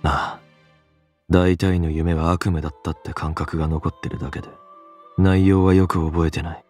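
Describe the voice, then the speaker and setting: A man's voice: deep voice, flat delivery, fast talker, darkish tone. A man voicing a guarded young man in a visual novel, asking level, probing questions over game music. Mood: reflective. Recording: faint game music behind.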